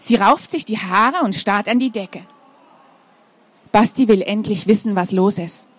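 A woman's voice: medium pitch, a little slow, no echo. A woman reading a children's story aloud, adding informal asides to her young listeners.

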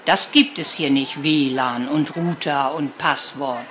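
A woman's voice: very deep voice, takes it slowly, a bit bright, slight background noise, voice pushed down, full character voice. A woman voicing an aloof old grandmother who lives off-grid, speaking dryly and curtly in a storybook read-aloud.

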